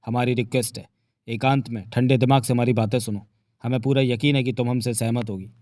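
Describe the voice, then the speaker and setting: A man's voice: medium pitch, fairly even intonation, fairly quick, a little mellow, no echo, studio quality, close to an everyday voice. A man voicing a cocky, wisecracking male detective hero who teases and boasts in a mock-polite way. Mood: coaxing.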